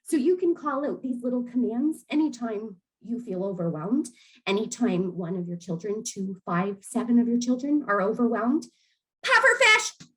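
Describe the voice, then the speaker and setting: A woman who facilitates an early years program, gently demonstrating calming breathing techniques with an encouraging manner and easy laughter. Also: a little high, moderate pace, poor audio. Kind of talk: friendly instructional demonstration.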